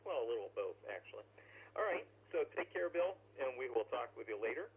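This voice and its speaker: Over a two-way radio, a man with a mid-range voice and big pitch swings, speaking a little fast, hosts a casual amateur radio net in the style of a pirate broadcast, chatty and folksy. The transmission sounds tinny and narrowband, with a faint hum.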